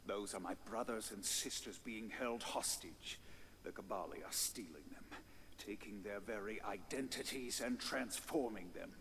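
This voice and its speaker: Proud alien warlord in a game, villainous, declamatory, light background hiss. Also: male voice, lowish voice, moderate pace, fairly bright tone. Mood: stern. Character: menacing alien male warlord, proud and vengeful.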